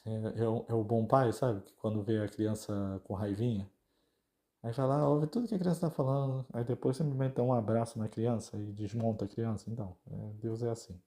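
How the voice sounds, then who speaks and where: A man with a Brazilian Portuguese accent gives a relaxed devotional talk on his podcast. His voice sits fairly low and sounds deeply mellow and dark. He keeps it informal and conversational, speaking right to his listeners. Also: fairly quick. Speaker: podcast host.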